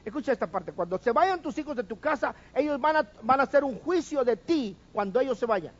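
A man's voice: extremely high pitch, animated, brisk, dull audio. A man preaching a sermon, firing rhetorical questions at the congregation and having them repeat after him.

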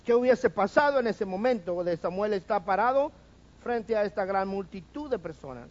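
A man's voice: high voice, animated, moderate pace, lo-fi sound. A man preaching a sermon, firing rhetorical questions at the congregation and having them repeat after him.

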